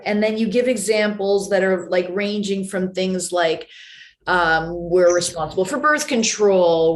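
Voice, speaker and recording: A woman moderating an online discussion, talking thoughtfully with many fillers. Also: mid-range voice. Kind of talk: casual discussion on a video call. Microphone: video call.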